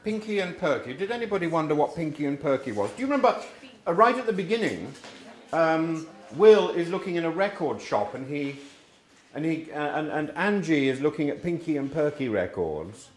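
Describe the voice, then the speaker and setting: Older English male teacher, rambling and animated, echoey classroom. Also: on the high side, fairly quick. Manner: rambling, with many ums and restarts. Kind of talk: informal classroom talk. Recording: echoey room, faint hiss.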